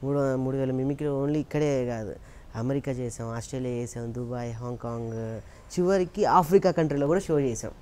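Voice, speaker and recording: Interviewed casually about his work as a mimicry artist, this man speaks at a brisk clip in a medium pitch, with a little noise behind him. His storytelling is earnest and lively, and he performs the voices of everyone he quotes.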